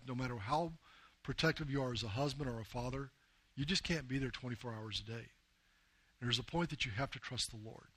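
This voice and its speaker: A man's voice: medium pitch, a bit bright, dry recording. A man, a pastor, preaching a sermon in an earnest, emphatic, conversational way while telling personal stories. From United States. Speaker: pastor and missionary leader.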